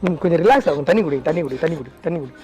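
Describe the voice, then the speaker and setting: A man's voice: a little high, animated, very fast. A man hosting a prank video, coaxing and apologizing over and over with nervous laughs. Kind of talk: casual pleading apology. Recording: loud background music.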